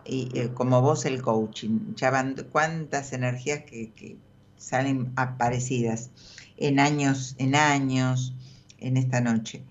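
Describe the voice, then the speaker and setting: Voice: mid-range voice, lo-fi sound. A fortune teller with an Argentine Spanish accent hosting a conversational tarot card reading for a caller on the radio. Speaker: radio tarot reader and host.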